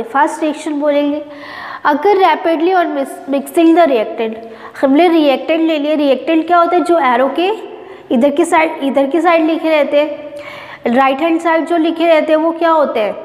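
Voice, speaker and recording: A woman's voice: high-pitched, a little mellow, echoey room, in a large hall. An Indian woman teaching a science lesson to students, explaining patiently and asking rhetorical questions as she goes. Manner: explains with rhetorical questions, mixing Hindi and English. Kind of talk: classroom lecture to students.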